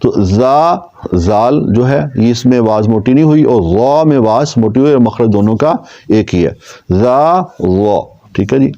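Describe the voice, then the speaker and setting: A man teaching Quran pronunciation in a patient lesson, slowly repeating paired letter sounds for practice. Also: mid-range voice, dark tone, muffled recording. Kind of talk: tajweed lesson.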